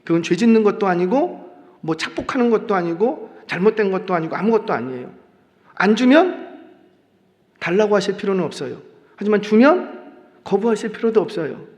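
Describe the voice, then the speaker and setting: A middle-aged male pastor preaching in a church, animated and often putting questions to the congregation. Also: high voice, brisk. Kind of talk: sermon. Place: church sanctuary. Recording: long church reverb.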